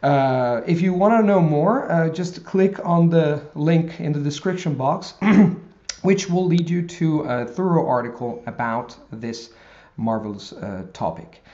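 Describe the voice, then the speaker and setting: In a video lesson, a man who first spoke Italian shares vocabulary tips as a teacher, talking directly to viewers with measured, paused explanations. His voice is fairly high and mellow, with the top end of the sound cut off.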